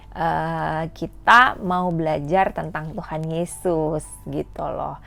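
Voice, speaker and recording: Brief: Sunday school teacher, a woman. Cheerful, animated, talks to kids. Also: on the low side, vocal fry. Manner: cheerful, animated, child-directed.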